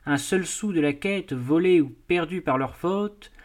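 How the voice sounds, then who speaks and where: A man voicing a courteous, smooth-talking prince in an audiobook, explaining things patiently and politely. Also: fairly high pitch, unhurried, close to an everyday voice. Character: suave courteous male prince, smooth talker. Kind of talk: audiobook dialogue reading.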